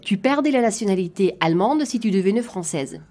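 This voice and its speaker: A woman's voice: medium pitch, animated, brisk, warm tone. A woman in her fifties, a native German speaker with a German accent, telling her story casually and with informal humour as an interview guest. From southwest Germany. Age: 50s. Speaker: podcast guest, coach.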